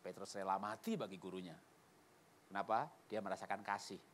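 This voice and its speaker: Lively pastor preaching. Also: male voice, deep voice, a little fast, slight background noise. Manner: lively and conversational, laughing often, acting out quotes. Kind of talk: sermon; spoken prayer.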